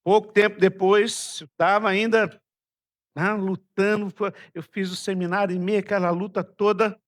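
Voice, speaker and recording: A man from Brazil, a pastor, preaching a sermon and telling a personal story, moving between loud passages and hushed ones. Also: high-pitched, flat delivery, moderate pace.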